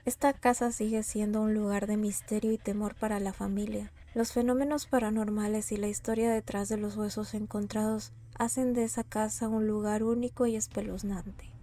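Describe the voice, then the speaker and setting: A woman narrating true horror stories in a steady, scripted way. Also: medium pitch, normal speed, few pauses.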